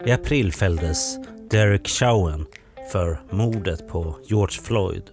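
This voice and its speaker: A man hosting a podcast, calmly narrating and asking interview questions. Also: low voice, slow. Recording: faint guitar music behind. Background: guitar music.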